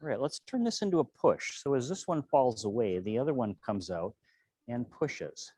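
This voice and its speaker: A man teaching tai chi and qigong, calmly and serenely cueing each movement step by step. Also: medium pitch, normal speed, breathy edge, dry recording. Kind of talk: tutorial movement cues.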